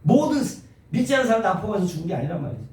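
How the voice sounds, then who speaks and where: A male pastor preaching a sermon in a church, animated and full of rhetorical questions to the congregation. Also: high voice, rapid-fire. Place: church sanctuary. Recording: very echoey church hall, distant mic.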